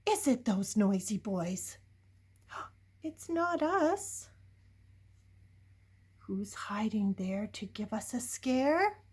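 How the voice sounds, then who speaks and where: Her husky, mid-range voice swings widely in pitch as she reads very slowly, pausing often. The older woman makes her picture-book reading playful and dramatic, quizzing young listeners and alternating whispered hush with loud outbursts.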